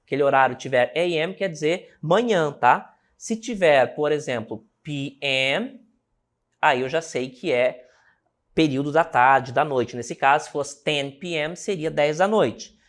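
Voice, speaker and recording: A man's voice: fairly high pitch, unhurried. A man from Brazil teaching an English lesson, explaining step by step and checking in with the class.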